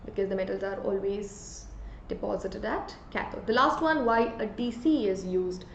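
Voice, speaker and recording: In an echoey room with slightly dull sound and slight background noise, a woman with an Indian accent teaches chemistry exam revision. She speaks at normal speed in a mid-range, creaky voice, asking questions and then answering them herself.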